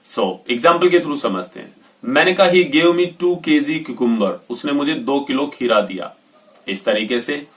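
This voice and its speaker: A man with an Indian accent teaching English pronunciation, slowing down to stress each example sentence. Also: medium pitch, a bit bright, distant mic. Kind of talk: pronunciation lesson.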